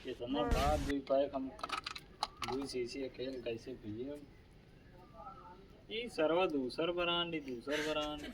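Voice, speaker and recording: A man's voice: mid-range voice, steady tone, slow, long pauses, natural voice. A man playing a rustic town drunk with an eastern UP-Bihar Bhojpuri-region accent, rambling and repeating himself in an amateur village comedy skit. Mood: lonely, rambling. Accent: eastern Uttar Pradesh or Bihar (Bhojpuri region). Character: rustic male town drunk, rambling and grumbling over his liquor. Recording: very noisy amateur recording with clicks.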